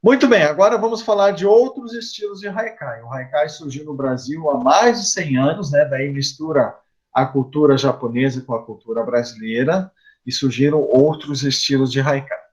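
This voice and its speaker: Guy from curitiba teaching haiku, kinda high voice, muffled lo-fi sound, patient, lots of "né?". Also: normal speed, darkish tone. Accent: Curitiba, Brazilian Portuguese. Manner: patient and explanatory, lists terms with frequent "né?". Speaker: haiku poet, guest teacher. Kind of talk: classroom lesson on haiku.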